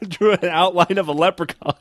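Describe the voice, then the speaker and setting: A man's voice: high voice, moderate pace, fairly bright tone, no room sound, clean studio sound. A man hosting a comedy podcast, giving casual, mocking and incredulous commentary.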